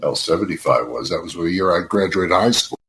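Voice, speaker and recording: A man's voice: low voice, animated, a little fast, fairly bright tone. Rambling older man hosting a podcast. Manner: rambling, with frequent restarts. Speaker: podcast host. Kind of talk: casual chat.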